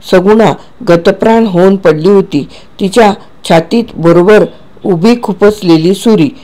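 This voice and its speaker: A man narrating a dark first-person story in a measured, grave way, sometimes correcting himself. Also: high voice.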